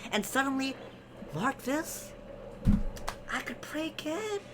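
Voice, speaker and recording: A man putting on a loud cranky old farmer. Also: very high voice, big pitch swings, slow pace, heavy background noise, voice pushed up, full character voice. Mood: declaiming.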